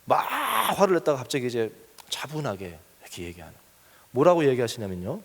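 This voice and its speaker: Korean pastor preaching in a reverberant hall. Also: male voice, sing-song, brisk. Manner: earnest, asks the congregation questions, rises in pitch and force when urging. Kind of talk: sermon.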